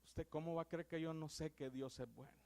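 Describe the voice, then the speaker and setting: A young man with a Salvadoran Spanish accent preaching a sermon in church. He swings from loud exclamations to hushed, earnest tones. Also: on the high side, steady tone, brisk, creaky.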